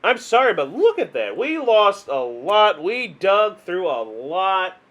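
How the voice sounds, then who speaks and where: Male card game host, high voice, casual exasperated play-by-play with self-deprecating laughs. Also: very animated, takes it slowly, a bit bright. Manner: chatty, exasperated, self-mocking; hums and sighs, laughs at himself. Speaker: gaming video host.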